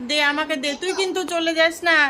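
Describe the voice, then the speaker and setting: A woman's voice: very high-pitched, fairly even intonation, fast talker, sharp tone, slight background noise. A woman voicing a doting young mother doll. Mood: busy. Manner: doting, repeats words to a baby. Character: young Bengali mother doll, fussing and affectionate. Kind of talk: doll-play storytelling.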